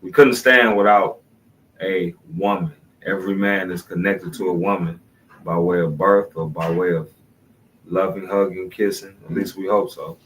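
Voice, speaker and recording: A very deep-voiced man co-hosts a podcast and speaks with earnest, preachy warmth. He sits somewhat back from the mic, and a faint hum of room noise sits under his voice. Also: steady tone, normal speed, recorded from a distance, low-quality recording. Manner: earnest, preachy, blessing-filled. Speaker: podcast co-host. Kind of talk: casual podcast chat.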